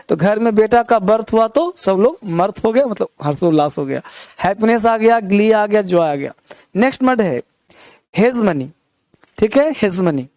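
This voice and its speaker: High-voiced Indian man teaching vocabulary. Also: darkish tone, no room sound. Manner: repeats words with rhymes and memory tricks, asks the class questions. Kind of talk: vocabulary lesson.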